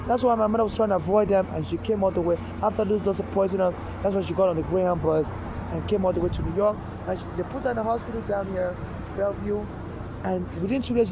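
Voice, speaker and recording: A man, making a rambling, urgent appeal straight to camera outdoors, stammering and repeating himself as he restarts his sentences. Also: high-pitched. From Nigeria. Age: 40s. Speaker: street vlogger appealing for donations. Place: outdoors on a city street. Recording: loud street traffic noise outdoors.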